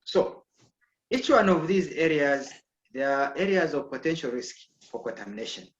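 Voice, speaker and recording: Teaching agriculture online over a video call, a Zambian man speaks at a moderate pace in an animated voice on the high side. He frequently asks "okay?" to make sure he's understood. The call audio is dull and echoey.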